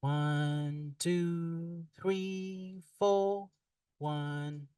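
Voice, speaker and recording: A man's recorded voice counting slowly, played back with a hollow, metallic comb-filter effect. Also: fairly high pitch, steady tone, dark tone, clean tone, no echo, distant mic. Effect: metallic comb-filtered playback. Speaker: sound design teacher.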